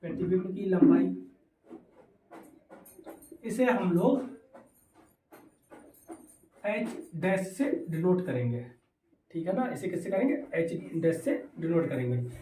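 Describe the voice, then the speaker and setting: A man's voice: high voice, animated, takes it slowly, long pauses, mellow, slight background noise. Male teacher, physics class, asks and answers himself, roomy echo, distant from mic. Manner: repetitive question-and-answer teaching, mixing English terms. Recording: echoey room, voice away from mic.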